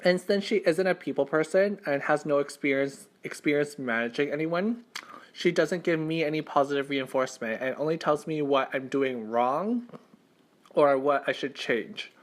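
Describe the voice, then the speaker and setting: A young man with a slightly high-pitched voice talks as a mukbang vlogger. He tells his story casually and conversationally, doubling back to rephrase and peppering it with "like". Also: moderate pace. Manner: conversational, repeats and rephrases himself, heavy use of "like". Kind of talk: casual storytime chat while eating.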